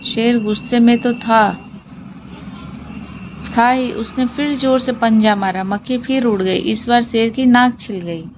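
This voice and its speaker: A woman teacher reads a story passage aloud and then walks young pupils back through it in plain words, asking her own questions and answering them. The recording is dull and lo-fi, with a steady hiss behind her voice. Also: fairly high pitch, takes it slowly. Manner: mixes English words into Hindi. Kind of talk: explaining a textbook story. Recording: dull lo-fi audio with clear hiss.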